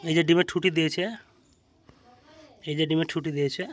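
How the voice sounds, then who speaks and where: Feeding pigeons outdoors on a rooftop, a Bengali-accented man chats to the camera in a casual vlog. His pitch is fairly high, his tone level, and his pace fairly quick.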